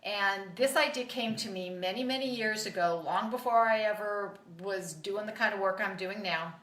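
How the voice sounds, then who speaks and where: A middle-aged woman coaching about communication in marriage, talking in a conversational way and telling lively personal stories. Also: medium pitch, moderate pace, recorded from a distance. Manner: animated storytelling with vivid anecdotes. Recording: roomy echo, voice a bit off-mic.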